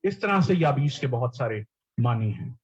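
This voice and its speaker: A man's voice: mid-range voice, very animated, breathy edge, muffled recording. A man preaching a sermon, explaining scripture and repeating key words, often mixing English terms into his teaching.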